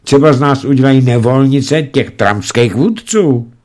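A man voicing a soft-hearted, pleading young noble daughter in a storybook reading. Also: medium pitch, pitched above the performer's own voice, natural voice. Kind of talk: audiobook reading.

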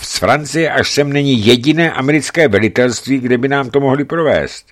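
A man voicing an exasperated male traveler who protests loudly to border officials. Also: mid-range voice, voice pushed up, lightly acted. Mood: indignant. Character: René, male traveler, indignant and insistent.

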